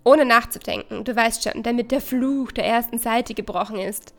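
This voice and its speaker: Woman reading teasing young stranger, frank, playful, storybook, gravelly. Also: on the high side, normal speed, fairly bright tone, soft background music.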